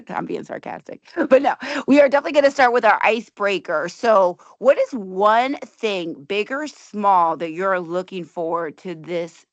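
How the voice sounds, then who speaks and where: A woman opens an online meeting from her car and chats in a relaxed, joking way. She laughs easily and mocks herself a little. Her voice sounds close and dry, with no room around it. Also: medium pitch, normal speed, dry recording, muffled recording. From Washington, D.C. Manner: chatty, laughing often, self-mocking. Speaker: meeting facilitator. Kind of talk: casual online meeting chat. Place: in a car, driving. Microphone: video call.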